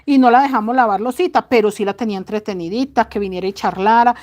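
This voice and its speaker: A middle-aged woman talks casually to her audience as a craft channel host. She speaks loudly and chattily, sprinkling in affectionate little words. Her voice sits a bit higher than most women's. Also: fast. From Colombia. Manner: warm chatty, affectionate diminutives, addresses viewers as girls. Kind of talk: casual chat to viewers.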